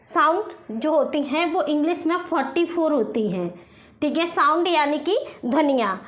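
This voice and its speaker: A woman's voice: high-pitched, lively intonation, normal speed. A woman with an Indian accent teaching a spoken English lesson, explaining step by step and checking in often.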